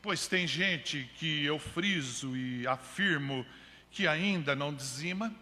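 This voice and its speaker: A man's voice: a little high, takes it slowly, bright, forceful tone. A man preaching a sermon as a missionary, pressing his points and often calling listeners "brother.". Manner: emphatic, repeatedly addressing listeners as brother. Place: church hall. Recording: long church hall reverb.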